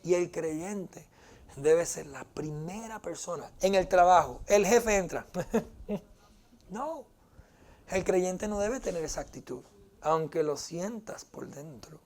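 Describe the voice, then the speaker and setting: A male pastor preaches in a fairly high voice to his congregation. He keeps the sermon light and joking and slips easily into English phrases. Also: expressive, slow, darkish tone. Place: church before a congregation.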